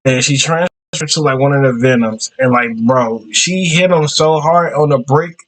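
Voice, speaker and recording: A man reacting casually, rambling with excited asides. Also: medium pitch, normal speed, poor audio.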